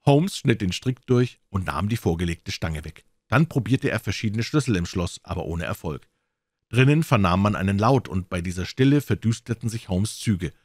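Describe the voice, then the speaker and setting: A man calmly narrating a classic detective story as an audiobook reader. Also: lowish voice, normal speed, no echo, studio quality. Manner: calm storytelling reading. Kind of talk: scripted narration.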